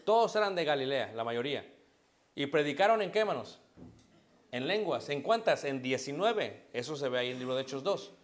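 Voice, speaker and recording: A man's voice: mid-range voice, animated, a little fast. A middle-aged man preaching a sermon in a Mexican accent. He puts questions to the congregation and answers them himself. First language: Spanish.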